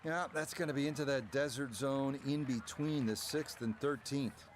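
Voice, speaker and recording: A man voicing a golf commentator in a video game, giving measured, descriptive play-by-play in a broadcast style. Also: mid-range voice, slight background noise, lightly acted. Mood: measured, admiring. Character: polished male golf broadcast announcer calling a round.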